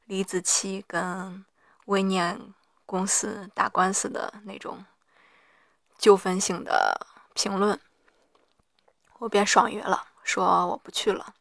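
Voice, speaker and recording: Female diarist, gravelly and hoarse, very slow and reflective, pausing mid-thought, mid-pitched. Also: a bit bright, no room sound, studio quality. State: hoarse after an hour of reading aloud. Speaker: solo audio diarist. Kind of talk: personal audio diary, reflective monologue.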